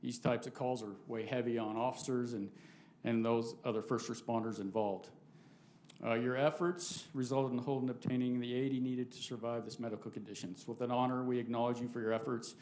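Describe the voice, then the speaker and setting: A man's voice: medium pitch, steady tone, a little fast, darkish tone, slight background noise. A man presenting a formal commendation to officers at a council meeting, reading it out formally. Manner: reads formally, slight restarts. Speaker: police official.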